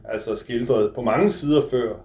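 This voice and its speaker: A man's voice: medium pitch, warm tone, echoey room. A man reading from his novel, then discussing it in a reflective, hesitant way. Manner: measured, reflective, hesitant with fillers when speaking freely. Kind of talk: literary reading, then interview talk.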